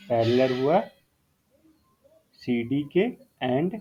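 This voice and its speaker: A male math teacher explaining a whiteboard lesson step by step, repeating key terms and mixing in English phrases. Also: mid-range voice. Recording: phone-like narrow sound.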